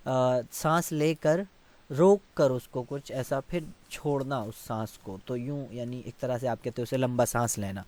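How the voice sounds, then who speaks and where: A man's voice: mid-range voice, a little mellow, no echo. A man teaching an Arabic text. He reads each line, then translates and explains it, with many hesitant fillers.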